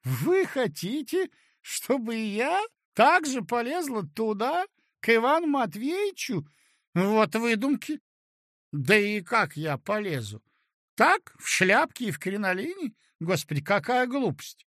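A man's voice: extremely high pitch, very animated, a little slow, fairly bright tone, no echo, studio quality, pitched above the performer's own voice, full character voice. A man voicing a flighty, capricious young married woman who whines and exclaims, in an audiobook reading. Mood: indignant, squeamish. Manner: petulant, whiny, exclaiming. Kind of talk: audiobook character voice.

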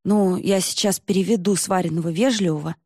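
A woman's voice: on the low side, brisk, mellow, no room sound, studio quality. A woman doing a cocky, slangy young guy. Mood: slangy mocking. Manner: slangy, mocking.

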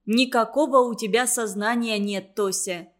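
A woman's voice: on the high side, normal speed, lightly acted. A woman reading a children's story aloud, voicing an impatient schoolgirl who scolds with irritation. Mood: annoyed. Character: annoyed, impatient schoolgirl Zina.

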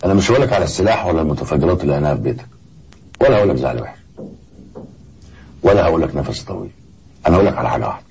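An actor playing a stern male interrogator with an Egyptian accent, quietly threatening. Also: rumbling low, expressive, very fast, gravelly, long pauses, slightly rough, heavily acted. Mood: menacing. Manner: cold, threatening. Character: stern male security interrogator, menacing, controlled.

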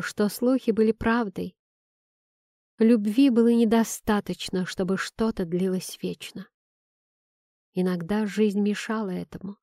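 A woman reading a first-person novel aloud in a calm, measured, emotional way. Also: mid-range voice, no echo, clean studio sound. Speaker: audiobook narrator. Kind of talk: first-person audiobook narration.

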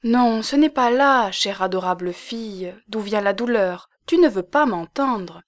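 A woman's voice: mid-range voice, expressive, unhurried, close to an everyday voice. A woman voicing a young coquettish married woman with a pleading, sighing lilt. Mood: yearning.

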